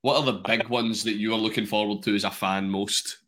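A man's voice: on the low side, fairly even intonation, a little fast, fairly bright tone. A man with a Scottish accent hosting a casual chat, teasing and playful in his questions. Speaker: podcast host.

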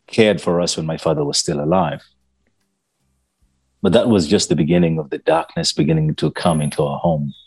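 Very deep voice, husky, man from Uganda, earnest interview storytelling. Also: a little mellow. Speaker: guest.

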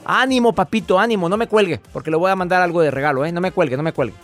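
A man's voice: high-pitched, very fast, faint music behind. A man hosting a radio show, giving emphatic, fatherly advice to a caller and interviewing a guest. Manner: warm fatherly advice, emphatic, rhetorical questions.

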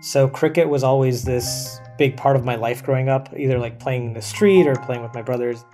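A man's voice: medium pitch, fairly quick, dark tone, soft background music. A man from Pakistan, a senior producer and reporter, talking casually and chattily in an interview, often saying "like" and "you know".

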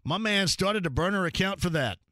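Bright-voiced chatty radio host man. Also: sits high, animated, brisk, dry recording, clean studio sound. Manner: joking, chatty, laughs often. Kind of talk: call-in radio show.

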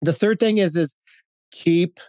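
Reflecting in an interview, a candid middle-aged corporate executive from Hawaii, United States, tells stories as a guest, often using fillers and restarting. His high-pitched voice moves a little slowly with a darkish tone, and the sound is dry.

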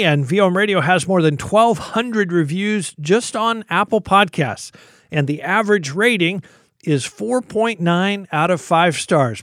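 A man's voice: sits high, fairly bright tone, no room sound. A man hosting a radio show, addressing listeners directly in a scripted, studio-recorded sign-off. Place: dry studio.

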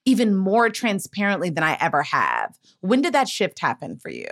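A woman in her thirties hosts a conversational interview. Her voice moves lively across its range as she affirms her guest and tells her own story with eager emphasis. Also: mid-range voice, normal speed, vocal fry. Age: 30s. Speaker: interview host.

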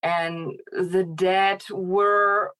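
A woman's voice: medium pitch, flat delivery, drawn-out words, fairly bright tone, smooth. A middle-aged woman from Poland, speaking as a scholar guest in an interview, thoughtful with light laughs. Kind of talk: podcast interview.

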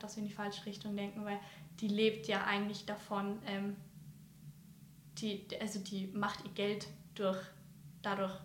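A woman speaks sincerely as an interview guest, often hesitating and searching for words, in a flat, even tone. Her voice sounds roomy and echoing, with a faint hum behind it. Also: medium pitch. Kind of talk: personal interview talk. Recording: roomy echo, faint background noise.

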